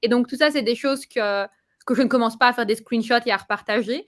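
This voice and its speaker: A woman giving a casual testimonial, talking with many fillers, pauses and restarts. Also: on the high side.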